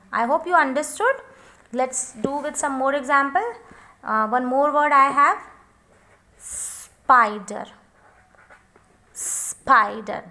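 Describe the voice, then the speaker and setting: A woman teaching phonics, mixing Hindi and English and sounding out each word slowly. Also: high-pitched, bright, forceful tone. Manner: switches between Hindi and English, slow drawn-out sounding of words. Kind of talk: home-recorded phonics lesson.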